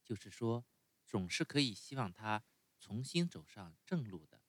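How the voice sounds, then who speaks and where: Man voicing a kind fairy mother, calm, soft-spoken, animated pitch, dry close sound. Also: normal speed, no echo. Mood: motherly. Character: gentle kindly fairy woman, motherly.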